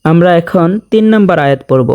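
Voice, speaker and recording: High, smooth-voiced teacher. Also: male voice, lively intonation, narrow, tinny audio. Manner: explains rules step by step, then chants verses very slowly; checks in with "okay?". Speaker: Quran recitation teacher. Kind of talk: tajweed lesson with slow recitation.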